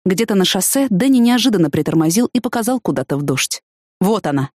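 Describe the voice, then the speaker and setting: A woman reads a first-person story in an even, measured way. Her voice sits in a middle register, and it is recorded close with a dry, dead sound. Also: mid-range voice, dry recording. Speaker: narrator. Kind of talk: first-person audiobook narration.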